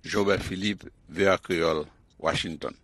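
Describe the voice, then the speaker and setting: Male news correspondent, low husky voice, measured read, dry close mic. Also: fairly even intonation, a bit bright, no echo. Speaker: news reporter.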